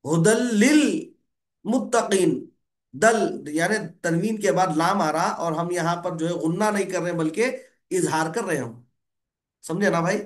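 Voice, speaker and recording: A man's voice: sits high, normal speed. A man teaching Quran recitation rules, patiently correcting a student and explaining step by step. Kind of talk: online tutoring lesson.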